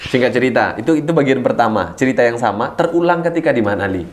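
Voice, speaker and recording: A man speaking as a guest preacher, telling his story in an animated way, swinging between low murmurs and excited high bursts and laughing as he goes. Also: rapid-fire. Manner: laughs while telling stories. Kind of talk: storytelling interview talk.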